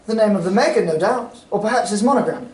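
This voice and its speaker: A man's voice: high voice, animated, quick pace, darkish tone. Guy playing polite curious doctor sidekick in an old radio play, far from the mic, roomy. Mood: earnest, puzzled. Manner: polite, earnest. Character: Doctor Watson, loyal, curious gentleman physician and narrator. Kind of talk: stage reading of a golden-age radio drama. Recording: distant roomy stage recording, faint noise.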